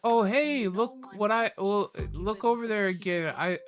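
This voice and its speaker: A man's voice: sits high, unhurried, faint music behind, voice pushed up. A man voicing his middle-aged mother, sly and falsely innocent, who turns to scolding. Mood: coy innocent.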